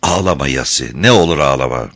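A man's voice: rumbling low, lively intonation, brisk, a bit bright, full character voice. A man playing an ardent young warrior in love. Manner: husky, earnest, devoted.

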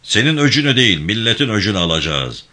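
A stern militia band leader gives orders in a voice pitched higher and louder than the reader's own, as a man puts him on. He talks in a commanding, clipped way with lively swings in pitch. The tone is bright and forceful. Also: fast, heavily acted.

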